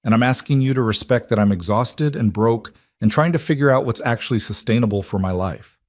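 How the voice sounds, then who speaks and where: A man's voice: medium pitch, fairly quick, a little mellow, dry recording, clean studio sound, lightly acted. A man voicing an exhausted, struggling young woman of twenty-nine, weary and strained. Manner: weary, strained, pleading for realism.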